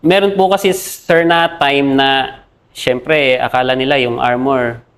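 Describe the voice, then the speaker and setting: A young Filipino man, an army captain, recounting combat in an interview in a halting, deferential way and saying "sir" after nearly every phrase. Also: mid-range voice, fairly even intonation, smooth. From Philippines.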